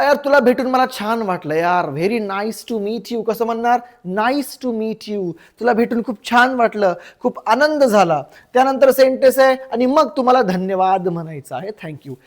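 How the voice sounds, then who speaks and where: A woman giving an online spoken English lesson, chatting casually and calling her listeners buddy and brother, then slowing right down to say each model sentence. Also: a little high.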